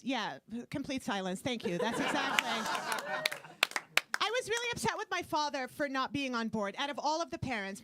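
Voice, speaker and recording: A Canadian woman with a Brooklyn-sounding accent does a stand-up set on a club stage before a live audience, firing brash, self-mocking punchlines into a handheld mic. Her voice is fairly high, and the clip is very noisy.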